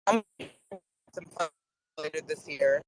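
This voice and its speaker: A woman's voice: sits low, takes it slowly, a little mellow. A woman in a casual chat whose audio keeps cutting out and breaking up over a bad connection. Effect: choppy audio breaking up on a bad connection. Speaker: audio room participant. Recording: choppy distant call audio, faint noise.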